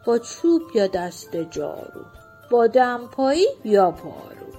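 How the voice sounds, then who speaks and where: A brash, pushy shopkeeper from a children's storybook who blurts out his proposal, as a woman puts him on. The voice stays fairly high and a bit slow, with music softly behind. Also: big pitch swings. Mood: blunt. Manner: pushy, blunt. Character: blunt pushy male shopkeeper suitor.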